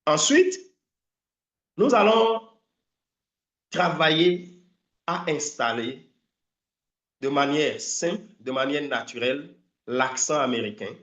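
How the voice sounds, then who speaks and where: A man giving a live online English training talk, lively and emphatic, often stopping to hunt for a word. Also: fairly high pitch, takes it slowly, long pauses, reverberant, muffled recording. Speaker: English language coach.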